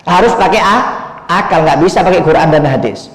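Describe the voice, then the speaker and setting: A man's voice: on the high side, lively intonation, brisk. A male Islamic preacher giving a sermon, emphatic and full of rhetorical questions, speaking directly to his listeners. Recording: echoey hall.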